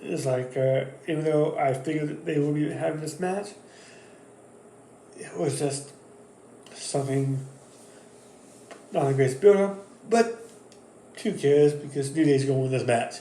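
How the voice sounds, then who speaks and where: A man talks through his wrestling picks in a casual, rambling monologue, stopping and restarting his sentences often. His voice is mellow and dark. The recording has a roomy echo with a faint background hum. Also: on the high side, a little slow, long pauses. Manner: rambling, with many fillers and restarts. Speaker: wrestling channel host. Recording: echoey room.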